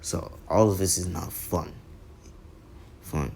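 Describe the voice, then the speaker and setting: A man's voice: low voice, vocal fry, darkish tone, slight background noise, full character voice. Man doing an earnest teen hero. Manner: halting, solemn speech with restarts. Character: earnest teen boy hero, serious and idealistic.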